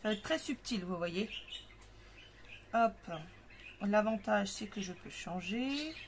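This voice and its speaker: A woman's voice: medium pitch, expressive, slow pace. Chatty woman with bird noise. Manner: chatty, thinks aloud with many fillers. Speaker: craft tutorial host. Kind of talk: casual craft demonstration. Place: home craft table with parakeets and kids nearby. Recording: noticeable home background noise with bird chirps.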